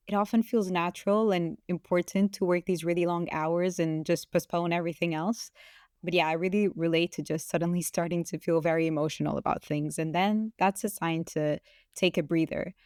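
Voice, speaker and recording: A woman co-hosting a reflective podcast. Her voice is smooth and resonant and sits a little low, and she speaks calmly, close to a dry mic. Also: dry recording. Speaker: podcast co-host.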